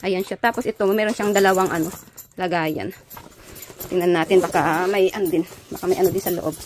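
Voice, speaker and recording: A young adult woman from the Ilocos region of the Philippines with an Ilocano accent, chatting casually in a vlog and filling pauses with "ayan" and "guys". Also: on the low side, fairly even intonation, over music. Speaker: vlogger. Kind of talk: casual vlog showing found items. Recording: noisy background.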